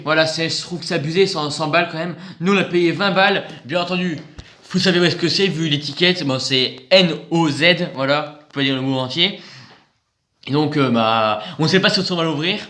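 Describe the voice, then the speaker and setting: A man's voice: on the high side, brisk, sharp tone. A man chatting casually while unboxing purchases, rambling and joking, repeating himself. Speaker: video host showing purchases. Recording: echoey room, faint noise.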